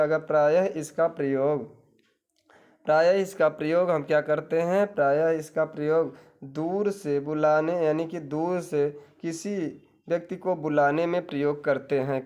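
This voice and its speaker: Man, exam coaching teacher, a little high-pitched, repeats each point as a question then answers it. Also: darkish tone, smooth, highs cut off. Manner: addresses viewers directly, tells them to take notes. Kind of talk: exam-prep grammar lesson.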